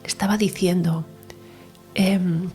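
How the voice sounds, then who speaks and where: A woman's voice: fairly low pitch, fairly even intonation, slow, darkish tone, faint music behind. A woman recounting her near-death experience in an interview, earnest and emotional, sometimes dropping to a whisper. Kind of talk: personal testimony in an interview.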